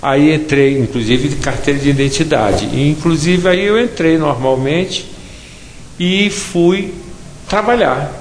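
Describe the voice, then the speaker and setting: A man's voice: on the high side, unhurried, slight background noise. Brazilian man telling a story in an echoey hall. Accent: Brazilian Portuguese. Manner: chatty, frequent tag questions. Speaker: interviewee. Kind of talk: casual anecdotal storytelling. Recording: echoey hall with faint ambience.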